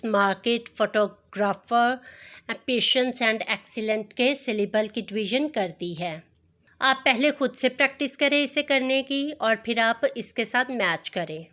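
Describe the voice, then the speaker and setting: A woman teacher, slowly and carefully explaining a textbook exercise and reading English sentences aloud to students. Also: on the high side, fairly bright tone. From Pakistan.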